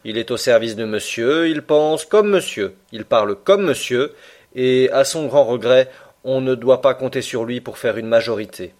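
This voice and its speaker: A man voicing a calm, devoted young manservant in an audiobook reading, speaking slowly and evenly in a raised voice. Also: mid-range voice, lightly acted. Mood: placid.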